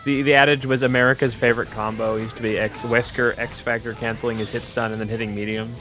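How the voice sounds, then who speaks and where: A man's voice: medium pitch, level tone, quick pace, pushed and bright, faint music behind. A man doing live color commentary on a fighting game tournament, chiming in with short jokes and opinions. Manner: joking, chimes in with short quips. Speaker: esports co-commentator.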